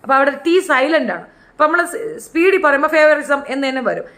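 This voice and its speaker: Brief: middle-aged woman, high voice, opinionated casual commentator who mimics people. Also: animated, a little fast, a bit bright. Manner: chatty, opinionated, acts out quotes in high voices. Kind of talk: casual reality show commentary.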